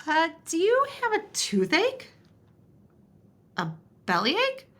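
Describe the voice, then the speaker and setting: A kind young princess with a high, light voice, gently asking caring questions, as a woman puts her on. Picture-book storytelling with a bright tone. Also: huge pitch swings, slow, heavily acted. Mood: concerned.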